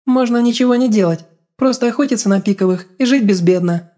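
A man's voice: extremely high pitch, brisk, mellow, pitched above the performer's own voice. A male audiobook reader voicing a blunt, outspoken woman fighter who barges into conversations. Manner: blurts in bluntly. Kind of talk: audiobook character voice.

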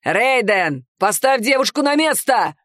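A woman's voice: medium pitch, slow pace, dry recording, clean studio sound, natural voice. A woman reading aloud and voicing a stern, commanding werewolf clan chief who barks orders. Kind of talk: audiobook character voice.

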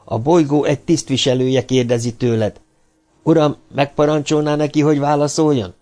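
A man's voice: fairly high pitch, fairly even intonation, darkish tone, voice pushed up, lightly acted. A man reading an audiobook, voicing a humanoid male robot who questions firmly and insistently, his voice raised above his narrating tone.

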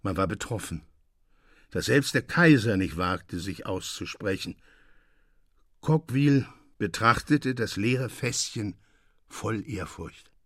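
A man narrating a classic short story as a radio reading, with lively, expressive delivery. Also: on the low side, slow, pauses often, dry recording, studio quality.

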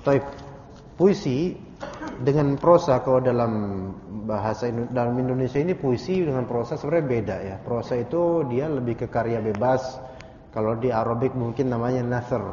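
Man giving a religious lecture, animated and jokey, lots of asides to the crowd, mellow voice, echoey hall, dull lo-fi audio. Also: mid-range voice, slight background noise. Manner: animated, joking, rhetorical asides. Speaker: Islamic religious teacher. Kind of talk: Islamic study lecture.

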